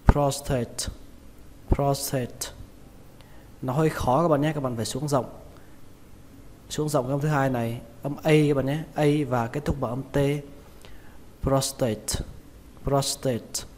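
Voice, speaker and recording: A man with a Vietnamese accent teaching English pronunciation, repeating each word slowly and stressing its syllables. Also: mid-range voice, fairly even intonation, a little mellow. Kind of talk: pronunciation lesson. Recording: reverberant room with faint noise.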